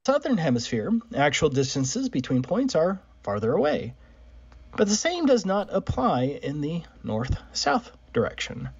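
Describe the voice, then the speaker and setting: A man narrates a conspiracy video in steady, declarative sentences. His voice is a bit husky, with lively pitch. It comes from a dull, lo-fi replayed clip. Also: measured pace.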